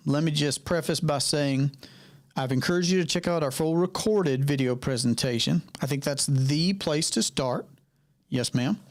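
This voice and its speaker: A man from North Carolina, a financial coach hosting a live online Q&A, talking conversationally over a video call, repeating his key points and addressing participants by name. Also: medium pitch.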